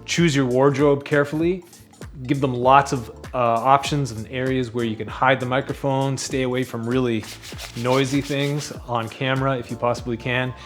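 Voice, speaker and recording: A man working as a sound recordist, explaining microphone technique in a calm, practical way. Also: mid-range voice, normal speed, soft background music. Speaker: sound recordist guest expert.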